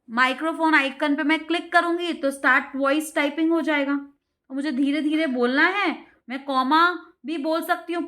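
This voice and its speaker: A woman with a high voice tutors a child at home. She reads the English steps slowly and carefully, then explains them in Hindi. She keeps drilling the child by asking the same questions over and over. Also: fairly bright tone.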